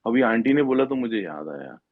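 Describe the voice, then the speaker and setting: With a mid-range voice, big swings in pitch and a slightly fast delivery, a middle-aged devotee earnestly tells a devotional story at a satsang. He acts out people's words and drops in English now and then; the sound is dry and tinny, like a phone.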